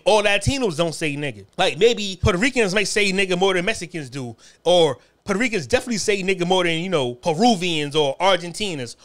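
A man's voice: sits high, a bit bright. A man from New Haven, telling profane, streetwise stories in a casual monologue. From New Haven, Connecticut. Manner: profane, streetwise storytelling with frequent asides. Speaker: podcast host.

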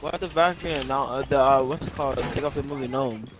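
A man's voice: mid-range voice, fast talker, over a noisy crowd. A young man goofing around with his teammates, repeating callouts and teasing them over voice chat. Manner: goofy, repetitive callouts, loud teasing. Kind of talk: casual gaming chat. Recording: voice chat with clear background noise.

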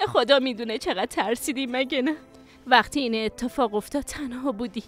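A worried young daughter, dubbed by a woman, speaking tenderly to her sick father. Her voice is high and soft. Quiet music runs below. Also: natural voice. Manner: tender, anxious. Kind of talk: Persian dubbing of a drama series.

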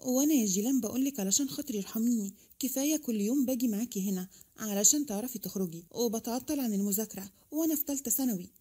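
A woman with an Egyptian accent voicing a proud, strict teenage schoolgirl, sharp and indignant. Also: fairly high pitch, very fast, husky. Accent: Egyptian Arabic.

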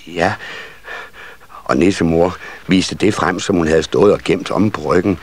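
A man narrating a Danish children's Christmas story in an expressive storybook manner. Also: low voice, no room sound. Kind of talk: storybook reading.

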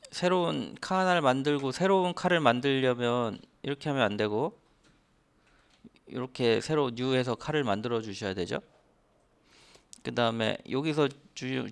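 A man's voice: mid-range voice, normal speed, creaky, smooth. A man teaching a programming class step by step, asking the listener rhetorical questions as he explains. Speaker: programming instructor. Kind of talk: screen-recorded coding lecture.

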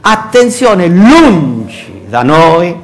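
Older Sicilian pastor preaching animatedly. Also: male voice, sits high, drawn-out words. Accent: Sicilian Italian. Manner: animated preaching with rhetorical questions. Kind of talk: sermon. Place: church hall with congregation. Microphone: far camera.

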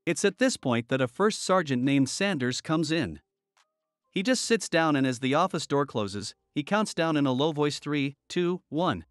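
A man's voice: on the high side, lively intonation, normal speed, no room sound, faint music behind. Dry-voiced man narrating stories. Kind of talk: scripted story narration.

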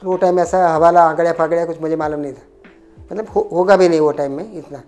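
Middle-aged man, mellow tone, rambling storyteller, faint music underneath. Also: a little high, steady tone, fast. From India, Ahmedabad. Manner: rambling, repetitive, frequent restarts. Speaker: interviewee, coin dealer. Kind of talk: casual life-story telling.

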